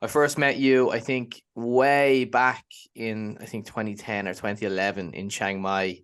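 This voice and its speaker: A man's voice: on the low side, little pitch movement, measured pace, a bit bright, smooth. A man hosting an interview show, chatting in a friendly, upbeat way. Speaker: podcast host and interviewer. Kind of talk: casual interview.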